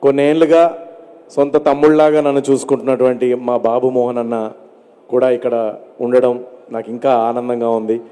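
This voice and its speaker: Fast-talking comedian on stage. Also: male voice, mid-range voice, dark tone. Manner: chatty storyteller, punchline delivery. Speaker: comedian and mimicry artist. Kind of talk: stand-up comedy with mimicry. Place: stage at an award ceremony. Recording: reverberant stage PA sound.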